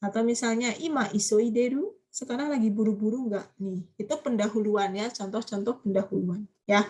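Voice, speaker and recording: A woman teaching a language class online, lively and coaxing students with quick questions. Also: mid-range voice, husky.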